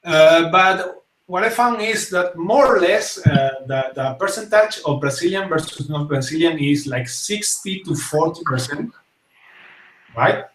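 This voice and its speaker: A man's voice: on the high side, measured pace, recorded from a distance, noisy background. A young man from Spain with a Spanish accent, hosting a casual live-streamed talk show and talking hesitantly, with many fillers and restarts. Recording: echoey room, voice set back from the mic.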